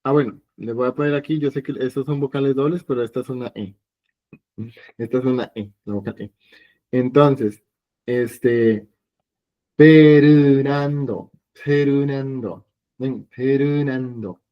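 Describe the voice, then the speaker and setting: A man's voice: mid-range voice, steady tone, highs cut off. Patient man teaching a language class. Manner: patient, repeats sounds slowly for students. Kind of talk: online class lesson.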